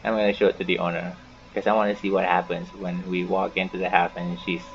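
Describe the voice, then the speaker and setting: A man with a low-pitched, gravelly voice talks fast and flatly while playing a video game for YouTube. He rambles casually, half-mumbling whatever text appears on screen. The home gaming setup yields a dull, noisy recording.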